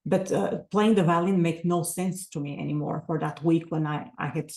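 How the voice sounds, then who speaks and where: A woman's voice: sits low, steady tone, normal speed, a little mellow, reverberant. A woman, a podcast guest talking earnestly and reflectively with many fillers. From Bulgaria. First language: Bulgarian. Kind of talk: casual interview talk.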